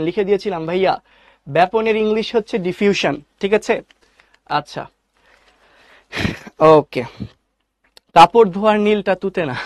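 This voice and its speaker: A man's voice: high-pitched, no room sound, studio quality. A young man with a Bangladeshi Bengali accent teaching an online class, who asks his own questions and answers them, mixes in English words and replies to student comments.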